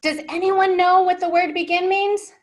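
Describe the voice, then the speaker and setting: A very high voice with little pitch movement and a moderate pace belongs to this library children's storytime host. The American woman, in her thirties and seated at a whiteboard indoors, leads young English learners through an interactive lesson with simple, encouraging, teacherly phrasing and questions.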